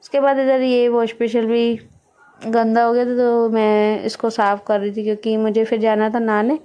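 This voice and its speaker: A woman's voice: a little high, level tone, moderate pace, smooth, lo-fi sound. A woman, chatting casually through her home routine and explaining each step. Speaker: vlogger. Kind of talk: casual home vlog narration.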